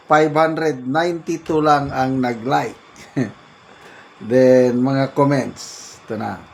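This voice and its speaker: A middle-aged Filipino man doing casual reaction commentary, reading out comments and laughing often in an amused, mocking way. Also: a little high. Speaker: political commentary vlogger.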